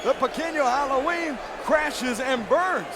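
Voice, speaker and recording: A man giving excited lucha libre announcer commentary, calling the play-by-play emphatically. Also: very high-pitched, measured pace, crowd noise, noisy background. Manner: emphatic, shouted calls. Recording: loud music behind. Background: loud music.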